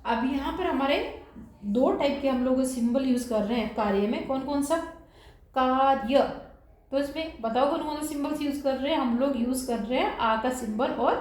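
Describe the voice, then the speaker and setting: A woman's voice: high-pitched, normal speed, darkish tone. A woman teacher giving a classroom lesson, spelling words out sound by sound and mixing in terms. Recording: very echoey room.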